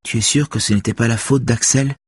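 A man voicing a soft-spoken teenage girl. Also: medium pitch, steady tone, a little fast, husky, dry recording, studio quality, voice pushed up. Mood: anxious. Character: teenage girl, quiet and earnest.

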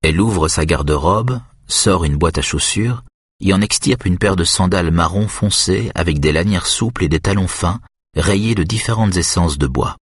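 A man narrating an audiobook in an even, measured reading. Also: low-pitched, husky, no echo, clean studio sound.

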